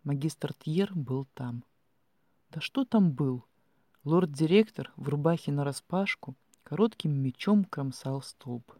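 A man reading a first-person fantasy audiobook in an expressive storytelling manner. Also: on the high side, slow, no room sound, studio quality. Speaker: audiobook narrator. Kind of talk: scripted fiction narration.

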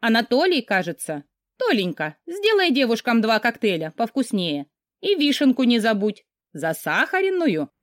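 A woman reading aloud gives voice to a cheerful, bossy young woman who teases her friend in a lively, bouncing tone. The voice sits a bit higher than the narration. Recorded close and dry with no room sound. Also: normal speed, no echo. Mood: bubbly. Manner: teasing, bubbly.

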